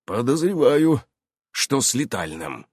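A man's voice: medium pitch, sing-song, unhurried, slightly rough, no room sound, clean studio sound, voice pushed up. A man voicing a stiff, formal grown man, a dragon in human shape, who speaks solemnly and takes offence easily. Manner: solemn, officious, sulky. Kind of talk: audiobook character voice.

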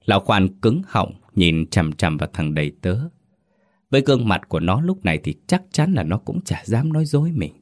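A man narrating a folk ghost story in a slow, measured way. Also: sits low.

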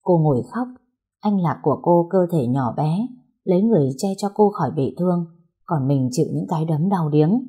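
A woman reading a story aloud as its narrator in a steady, even way. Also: low voice, moderate pace, breathy edge.

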